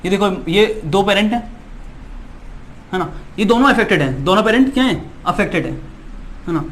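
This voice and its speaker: Male biology tutor, high voice, repetitive and reassuring, faint hiss in the background. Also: lively intonation, moderate pace, fairly bright tone. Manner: repetitive, keeps asking "है ना" to check students follow; reassuring and insistent, promises results. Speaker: biology teacher. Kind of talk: exam-prep lecture.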